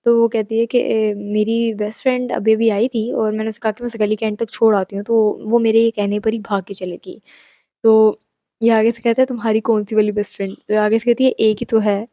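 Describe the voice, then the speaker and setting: A woman's voice: fairly high pitch, little pitch movement, fairly quick, dark tone, no room sound, highs cut off. A young woman casually telling a horror story, chatty and mixing in English asides. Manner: chatty, mixes English asides, exclaims at the listener.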